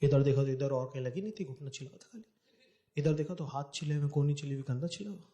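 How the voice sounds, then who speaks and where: A man telling a family story in stand-up, animated, dropping to hushed tones and rising loud. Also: a little high, fast, dull audio. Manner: animated, acts out voices, shifts between hushed and loud. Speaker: stand-up comedian. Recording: echoey stage with faint noise.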